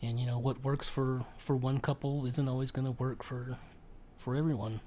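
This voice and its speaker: A man hosting a casual podcast chat, talking in a halting way with many ums and restarts. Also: medium pitch, steady tone, dark tone, slight background noise. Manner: hesitant, full of ums and restarts. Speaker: podcast host.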